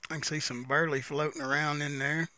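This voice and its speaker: A man gives a casual, unscripted, folksy review, musing and repeating phrases while puffing on a pipe between them. His voice is a little high and sharp, his delivery flat and fairly quick, and the recording is dry.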